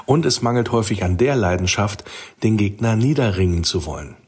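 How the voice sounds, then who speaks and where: A man's voice: fairly low pitch, animated, a little fast, darkish tone, breathy edge. A man reading out a scripted, critical and analytical commentary for a fan podcast.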